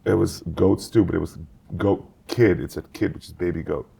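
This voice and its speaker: A man's voice: sits low, moderate pace, creaky, mellow, breathy edge. A man co-hosting a casual podcast, telling vacation stories and quoting people in a raised voice. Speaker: podcast co-host. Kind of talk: casual chat.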